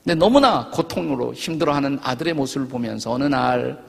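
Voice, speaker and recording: A man's voice: medium pitch, lively intonation, fairly quick, gravelly, breathy edge. A man in his sixties, a pastor telling stories in a sermon with an earnest manner. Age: 60s. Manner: earnest storytelling preacher. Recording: long reverb of a large church hall.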